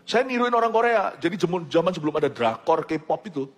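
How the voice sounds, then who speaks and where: An Indonesian man preaching a sermon in an animated manner, mimicking the sounds of foreign languages and moving between loud and hushed delivery. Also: on the high side, fast, big-room sound.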